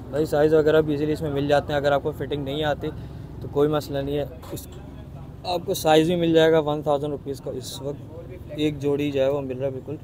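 A man, chatting enthusiastically as he tours an outdoor city bazaar with a handheld phone camera and asks shopkeepers for prices. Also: fairly high pitch. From Pakistan. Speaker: vlogger touring a market. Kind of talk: casual walking market tour vlog.

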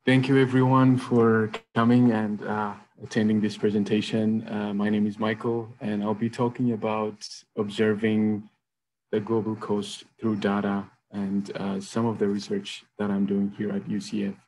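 A young Ethiopian man, a graduate student, gives a video-call lecture as a guest presenter. His delivery is low and flat at normal speed, full of hesitant "uh"s. The low-quality recording carries slight background noise.

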